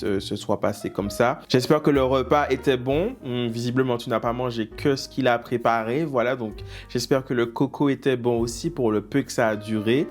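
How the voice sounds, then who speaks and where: A man hosting a reaction video, reading viewers' dating stories aloud with teasing, mock-outraged asides. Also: medium pitch.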